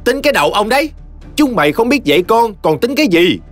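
A man's voice: sits high, sing-song, fast, soft background music, voice pushed up. A man voicing a spiteful middle-aged mother-in-law who screeches insults in a storybook reading. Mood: screeching abuse.

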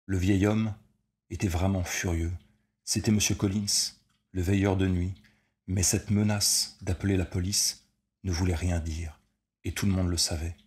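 Deep-voiced man narrating an audiobook. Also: steady tone, a little slow, a little mellow. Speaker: reader. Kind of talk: audiobook narration of a short story.

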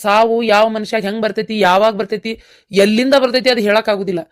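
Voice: medium pitch, steady tone, fast talker, smooth, lightly acted. A performer voicing a stubborn young villager set on becoming a soldier, with a North Karnataka accent, in a cartoon. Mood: determined. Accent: North Karnataka Kannada. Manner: earnest, stubborn. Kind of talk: cartoon voice acting.

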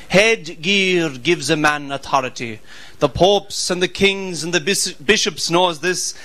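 A man's voice: high voice, bright, forceful tone. An Irish man telling a traditional humorous story to a live audience, with a storyteller's lilt. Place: poetry night in a bar.

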